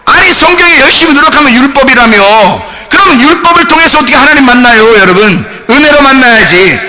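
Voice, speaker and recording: A man preaching in church, with a high and very lively voice that leaps around as he fires questions at the congregation. His tone is intensely bright and forceful, and now and then he rises to a shout. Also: brisk. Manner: animated, rhetorical questions to the congregation, bursts of shouting. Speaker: pastor. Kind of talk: sermon.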